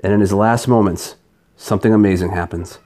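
A man's voice: on the low side, fairly even intonation, fairly quick, mellow. A man hosting a scripted comedic review, delivering a scathing critique with sarcasm and crude language. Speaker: video reviewer and host.

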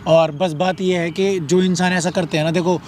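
Earnest young-sounding prank vlog host. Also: male voice, high-pitched, flat delivery, moderate pace, darkish tone, a little hiss or hum. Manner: earnest, reassuring, rambling with fillers. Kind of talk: casual vlog introduction.

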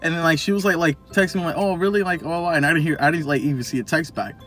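A man's voice: a little high, rapid-fire, fairly bright tone, soft background music. A young man chatting casually on a couples vlog, telling a story in a rambling way with lots of fillers. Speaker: vlogger. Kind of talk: casual chat.

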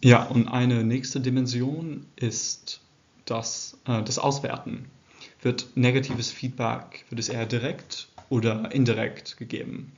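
A man's voice: medium pitch, little pitch movement, a little slow, highs cut off. Hesitant young man lecturing over slides. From England. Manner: hesitant, many fillers and restarts. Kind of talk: recorded slide presentation. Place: indoor room.

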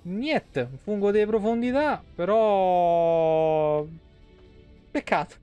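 A young man streams a video game, his voice high and smooth yet slow, with the upper frequencies cut off and soft music playing behind him. Speaking from a small room at home, he gives casual, foul-mouthed commentary and reacts with animation to both the game and his chat.

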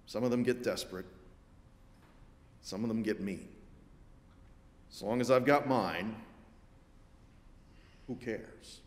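A man preaching a sermon in a church sanctuary, measured and wry, with dry asides. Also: on the low side. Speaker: pastor. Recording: roomy church with long reverb.

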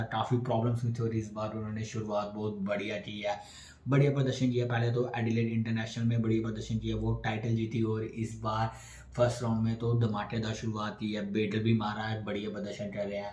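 A man's voice: lowish voice, darkish tone. A young man recording a tennis post-match analysis to camera in a small indoor room, chatty and repetitive, calling his viewers friends. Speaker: tennis vlogger. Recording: echoey room.

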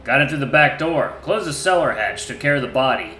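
A man's voice: mid-range voice, expressive, fairly quick, pushed and bright, a little hiss or hum, pitched above the performer's own voice. A man voicing a crude, ill-tempered male wolf being questioned, with blunt, clipped answers full of swearing. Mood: grumbling. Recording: echoey room with faint music.

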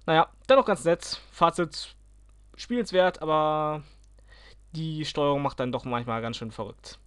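A man's voice: on the high side, measured pace, a bit bright, smooth, dry recording, studio quality. A man giving casual let's play commentary, grumbling at and cheering on the game, talking to enemies.

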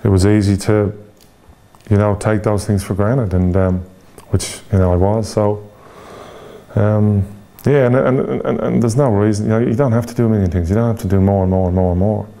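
A man in his forties from Ireland, with an Irish accent, speaks candidly and reflectively as an interview guest. His fairly low voice is steady and warm, and he pauses often, using fillers and restarting.

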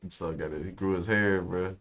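A young American man hosts an anime reaction, chatting casually and slangily about the show while seated in a small indoor room. His voice is low-pitched and a bit bright, with fairly even intonation at normal speed.

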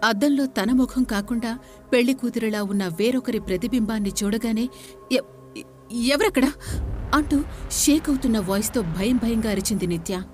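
A woman tells a horror story in a measured, suspenseful voice. Her voice sits a touch high, and faint music plays underneath. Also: a little mellow. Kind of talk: dramatic horror story narration.

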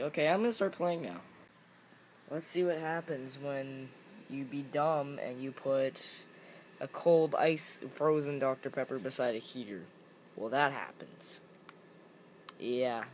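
A young man chatting casually as he films a home vlog on a handheld phone. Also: mid-range voice. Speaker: vlogger filming a challenge. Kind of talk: casual chat. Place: indoors at home, kitchen and carpeted room. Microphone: handheld phone camera, held by speaker. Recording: home video with background noise.

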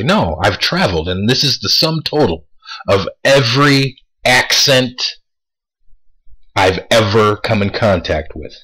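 A man talking straight to camera in a casual monologue. He speaks deliberately, repeats words for emphasis and asks rhetorical questions. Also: lowish voice, sharp tone, husky, rough recording. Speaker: vlogger.

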